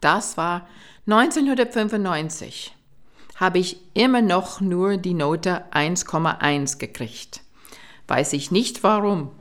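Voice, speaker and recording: A muddled graduate from Texas. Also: female voice, on the low side, slow. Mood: earnest. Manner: broken German with English bits, earnest listing. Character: naive female graduate from Texas, proud, muddled. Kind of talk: radio play acting.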